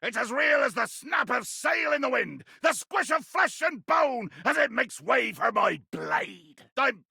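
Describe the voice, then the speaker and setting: Captain Jacques Spiro, wildly swooping raspy pirate. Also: male voice, very high voice, sing-song, a little slow, pushed and bright, dry recording, clean studio sound, heavily acted. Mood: furious, grandiose. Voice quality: raspy, gravelly growl. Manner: grandiose, archaic seafaring speech with florid threats. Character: bombastic, bloodthirsty, theatrical pirate captain trapped in a bottle. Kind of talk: theatrical video game character acting.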